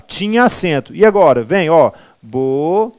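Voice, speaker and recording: A man's voice: fairly high pitch, animated, moderate pace, darkish tone. A man with a Brazilian Portuguese accent teaching a grammar lesson for a civil service exam, emphatic, repeating key words and answering his own questions.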